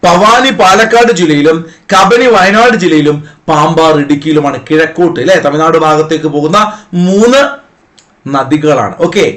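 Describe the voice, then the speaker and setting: A man teaches an online exam-prep class in a slightly high voice. He keeps coaxing his students with playful memory tricks and quick rhetorical questions, recorded close on his mic. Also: a bit bright.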